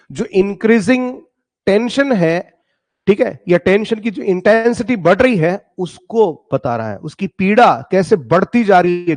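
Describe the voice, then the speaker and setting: A man teaching a lesson, reading poem lines slowly and dramatically, then explaining them and asking the class rhetorical questions. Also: sits high. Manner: addresses students as "beta", asks rhetorical questions.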